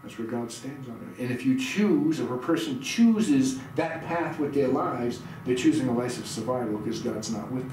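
A man's voice: mid-range voice, animated, normal speed, hardly any pauses, a little mellow, far from the mic. Middle-aged man preaching in an echoey room. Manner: reads scripture aloud and quizzes the audience. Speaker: pastor. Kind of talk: sermon. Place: small church room indoors. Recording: very echoey room, heard from afar, noisy.

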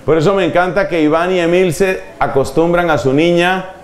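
A male preacher delivering a spirited sermon at a church gathering. His voice sits slightly high and swings up and down for emphasis. The sound rings through a roomy, echoing hall. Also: fairly quick. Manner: animated, shifting pitch for emphasis and quoted children. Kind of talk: sermon to a live audience. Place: large hall at a church retreat. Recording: echoey hall.

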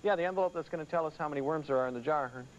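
High-pitched young man hosting comedy TV. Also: racing, loud music behind the voice. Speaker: comedy show host. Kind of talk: scripted comic TV hosting. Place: TV studio set. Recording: muffled noisy old VHS tape.

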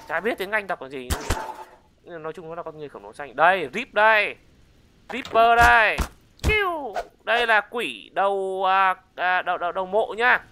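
Gaming host, super hyped let's-play commentary, lots of wow and repeated words, noisy background. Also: mid-range voice. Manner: excitable, shouts wow, repeats words in bursts. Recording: clear background noise.

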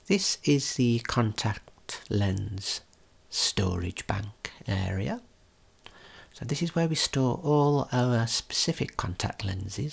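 In a whispery ASMR style, a man guides the listener on a tour, his fairly low voice very breathy with a creaky edge. He explains things gently, lingering over every phrase.

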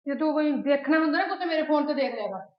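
A woman playing a sharp-tongued, scornful sister-in-law. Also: high voice, lively intonation, fast talker. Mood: taunting. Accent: Punjabi. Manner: taunting, scornful. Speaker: sister-in-law in a family drama. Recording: roomy, dull lo-fi sound.

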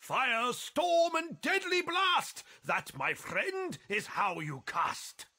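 A man's voice: very high voice, very animated, slow, bright, forceful tone, heavily acted. A man voicing a flamboyant, boastful and erratic wizard in a fantasy video game, declaiming theatrically in rhyme. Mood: scornful showmanship.

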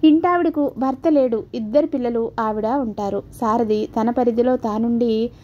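A woman storyteller narrating a scripted audio story in a calm, soft-spoken way. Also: on the high side, normal speed. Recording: dull lo-fi recording.

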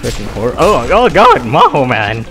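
A young man chatting casually while playing a game, excitable, often yelping and laughing. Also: mid-range voice, moderate pace. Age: young adult. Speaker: gamer. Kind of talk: casual gaming chat. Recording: music playing underneath.

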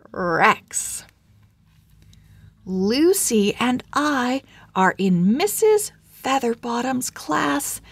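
Sharing her diary, a cheerful little storybook owl girl, played by a woman, speaks very slowly with big animated pitch swings that stress her words, chatty and emphatic the whole way. The exaggerated voice is husky with vocal fry, captured in studio quality with no echo.

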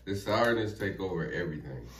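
A man's voice: low-pitched, expressive, brisk, fairly bright tone. A young man chatting casually and in slang as he reacts to eating sour candy in a challenge video. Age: young adult. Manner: slangy, informal. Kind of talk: casual chat in a food challenge. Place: small echoey room indoors. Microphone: camera a few feet away. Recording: roomy, distant mic, background noise.

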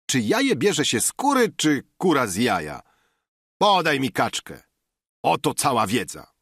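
A man's voice: medium pitch, wildly swooping pitch, measured pace, fairly bright tone, husky, no room sound, clean studio sound, voice pushed up, heavily acted. A man doing a drunken ranting cynic. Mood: mocking. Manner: mocking, declamatory.

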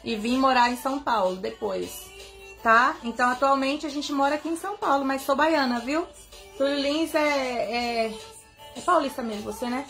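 A young woman from Bahia, Brazil, a singer hosting a live stream, chats casually at a moderate pace in a high voice. Seated on her bed indoors, she warmly greets viewers by name, recorded on a phone camera held at arm's length with soft music playing underneath.

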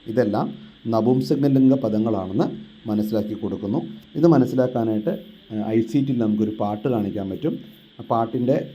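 A man teaching a textbook lesson. He reads Sanskrit lines slowly, explains them and asks rhetorical questions. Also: mid-range voice, warm tone, dull audio.

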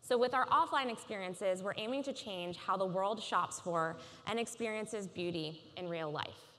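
A woman in her thirties delivers a polished, measured keynote from a large conference stage. Her voice is mid-pitched and carries a long reverb from the hall around her. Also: a bit bright. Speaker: keynote speaker.

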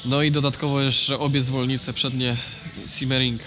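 A man's voice: mid-range voice, little pitch movement, normal speed, over music. A man with a nasal, congested voice from a blocked nose, explaining farm machinery in a casual, hesitant vlog style. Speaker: vlogger.

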